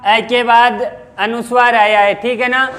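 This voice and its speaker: A man's voice: very high-pitched, level tone, measured pace, bright, forceful tone. A male teacher giving an exam-prep grammar lesson, explaining step by step and asking and answering his own questions.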